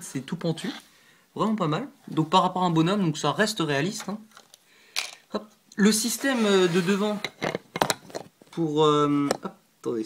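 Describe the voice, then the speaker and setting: A man's voice: a little high, slight background noise. A man giving a casual show-and-tell vlog of his builds, hesitant and chatty, with many fillers and little apologies, recorded on a nearby camera mic at home. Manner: hesitant and chatty, frequent 'euh', 'hop' and 'voilà' while handling pieces; self-deprecating asides and apologies. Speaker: LEGO builder showing his models.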